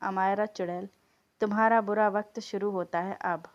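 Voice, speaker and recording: A woman's voice: medium pitch, fairly even intonation, moderate pace, natural voice. A woman voicing a cocky, teasing young husband who talks smugly, in a storybook reading. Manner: smug, teasing. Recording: dull lo-fi dry recording.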